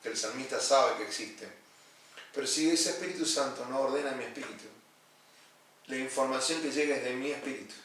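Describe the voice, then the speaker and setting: A man's voice: medium pitch, a little fast, fairly bright tone. A man, a pastor, teaching a Bible study in an earnest, explanatory way, repeating his key points. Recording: echoey room, distant mic, faint noise.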